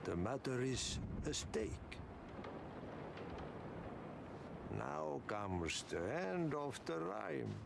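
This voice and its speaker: A slow, gravelly, creepy old janitor. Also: male voice, mid-range voice, sing-song, background noise, full character voice. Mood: calm, folksy. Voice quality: gravelly, creaky. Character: cryptic, creepy old male janitor, unhurried and folksy.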